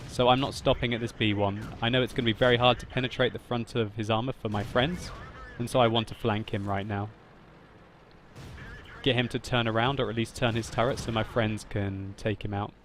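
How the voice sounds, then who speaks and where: A man narrating his own tank battle gameplay as a voice-over commentary, laughing often and getting loud and excited at big moments. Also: mid-range voice, a little fast, a little hiss or hum. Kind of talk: video game commentary voice-over.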